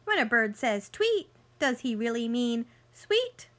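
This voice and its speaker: A slightly high-voiced woman in her thirties reads aloud from a picture book for young kids. She sounds like a teacher, animated and sing-song, pausing to ask the children easy questions.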